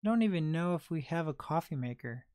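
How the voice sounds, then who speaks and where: A man in his late twenties hosts a relaxed livestream, talking easily and answering viewer comments one after another. His voice is smooth and clear. The sound is dry and close, with no room echo. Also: on the high side, quick pace. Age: 20s. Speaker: livestream host and reseller. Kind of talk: casual livestream chat.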